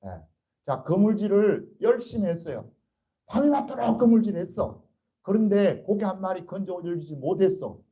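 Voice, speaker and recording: A man preaching to his congregation in a high, mellow voice. He is earnest and urging, firing rhetorical questions at the listeners and answering them himself. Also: rough recording. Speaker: pastor. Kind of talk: Easter sermon to a congregation.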